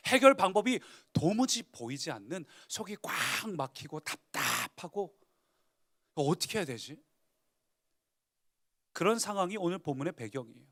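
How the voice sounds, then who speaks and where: A man's voice: sits high, sing-song, moderate pace, long pauses, a bit bright. A male pastor preaching a Sunday sermon, dramatically retelling scripture and rising to emphatic declarations.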